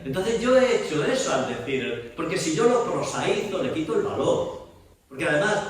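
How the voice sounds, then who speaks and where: A man giving a masterclass on speaking text, explaining with rhetorical questions and reciting verse aloud. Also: sits high. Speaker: theatre director and voice teacher. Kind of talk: masterclass lecture. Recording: echoey hall, voice from far off.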